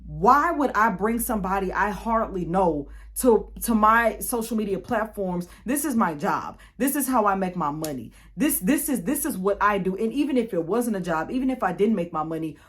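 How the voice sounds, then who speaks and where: A woman's voice: medium pitch, normal speed, hardly any pauses. Chatty young woman telling a story. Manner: animated, chatty, repeats and restarts. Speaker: YouTuber. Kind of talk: storytime vlog.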